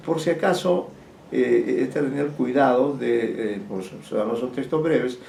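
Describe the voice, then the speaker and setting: Hesitant male lecturer, gravelly voice. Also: mid-range voice, a little mellow. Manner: hesitant, many fillers and restarts. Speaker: literature teacher. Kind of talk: university lecture. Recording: echoey room, distant mic, faint noise.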